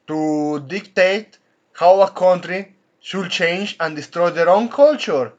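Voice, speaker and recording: A man hosting an angry commentary rant, indignant and swearing, with frequent halting restarts. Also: fairly high pitch, dull audio. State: coughing from anger at times. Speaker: commentary channel host.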